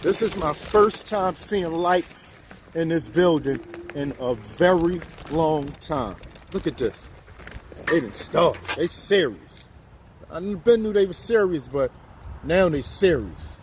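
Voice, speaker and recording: A man's voice: fairly high pitch, lively intonation, takes it slowly, darkish tone. A man of fifty doing a casual live-stream chat outdoors, talking straight to his viewers. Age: 50s. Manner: chatty, talks straight to viewers. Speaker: livestreamer. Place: outdoors on a city street. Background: faint street and traffic noise.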